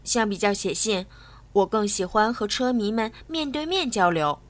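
Cast: woman doing a smug, boastful male race car, lively sing-song lines, storybook. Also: mid-range voice, moderate pace, natural voice. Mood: haughty. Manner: haughty and mocking.

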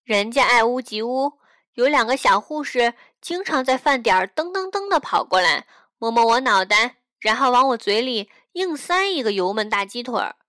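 A woman reading a story aloud in a gentle, intimate storytelling manner, acting out the dialogue as she goes. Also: fairly high pitch, expressive, moderate pace, no echo. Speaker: radio reader. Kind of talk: storybook narration over music. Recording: dry close mic with soft background music.

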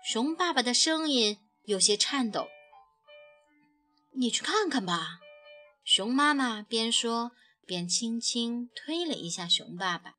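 Female storyteller, bright tone, unhurried, higher pitch, children's book reading. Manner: gentle, expressive narration. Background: soft background music.

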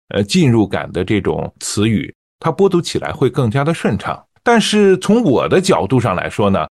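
A man teaches the craft of reading aloud, sounding calm and measured. His voice sits a little low, but it moves a lot in pitch. The sound is dry and close to the mic. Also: no echo. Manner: calm, measured explaining with light fillers. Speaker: reading and voice coach. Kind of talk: teaching on-air reading technique.

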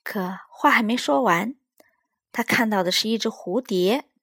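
A woman reading a children's story aloud in a slow, gentle storyteller manner. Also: medium pitch, no echo, clean studio sound.

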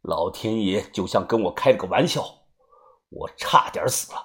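A man voicing a cold, vengeful young man who came back from death, speaking low and quiet. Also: lively intonation, moderate pace. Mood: cold menace.

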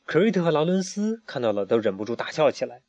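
A man reading a children's picture book aloud, drawn-out phrasing with fillers, on a muffled recording. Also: a little high, very animated, dry recording. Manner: warm, drawn-out, with hesitation fillers. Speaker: storyteller.

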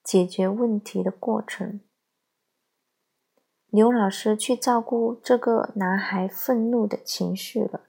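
A woman giving calm, measured scripted narration of a parenting essay. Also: medium pitch, vocal fry, husky. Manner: slow, measured, calm storytelling.

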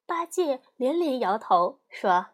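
High-voiced woman telling a storybook tale. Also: sing-song, slow pace. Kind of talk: scripted storybook narration.

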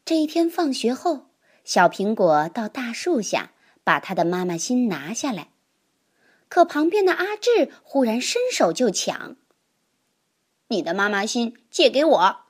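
A woman reading a children's picture book aloud in an expressive, lively manner. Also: on the high side, unhurried, slightly rough. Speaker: storyteller.

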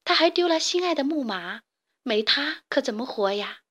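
A woman reading a children's story aloud, expressive and dramatic, dropping to a hush for suspense. Her voice sits fairly high for a woman. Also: moderate pace. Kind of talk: children's audiobook narration.

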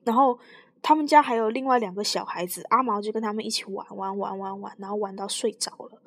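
A young woman co-hosting a podcast, telling a spooky story slowly and casually, often laughing. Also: mid-range voice, no room sound, clean studio sound. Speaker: podcast co-host.

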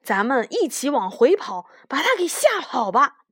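A woman voicing a timid little spotted bunny boy in a high, bright, childlike squeak. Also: expressive, a little slow, no echo, clean studio sound. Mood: excited.

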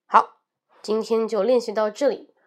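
A woman teaching spoken English. She reads drill phrases slowly and loudly and explains them briskly between the drills. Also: on the high side, steady tone.

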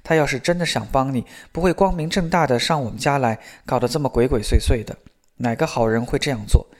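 A man's voice: mid-range voice, quick pace, a little mellow, natural voice. A man reading the lines of a worried middle-aged mother who lectures her daughter in anxious, reproachful tones. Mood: scolding.

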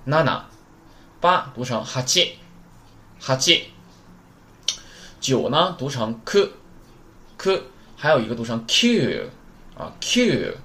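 A man with a mid-range, slightly bright voice teaches a beginner Japanese class in a casual spoken lesson. He's chatty, drilling numbers aloud and tossing out rhetorical questions.

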